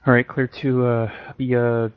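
A man's voice: medium pitch, flat delivery, a little slow, clear, resonant tone. A man speaking as a private pilot, making procedural calls and readbacks over radio. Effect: radio transmission. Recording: dull band-limited radio audio.

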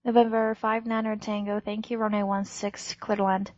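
A woman giving clearances as an air traffic controller in clipped aviation phraseology. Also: medium pitch, little pitch movement, normal speed, darkish tone, dull audio.

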